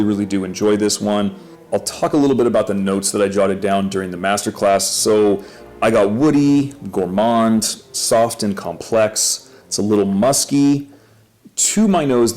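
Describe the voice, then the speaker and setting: A man's voice: fairly low pitch, a little mellow. A man hosting his own channel, giving a casual, upbeat first-impressions review and correcting himself as he goes. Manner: chatty, self-correcting, upbeat. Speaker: fragrance reviewer.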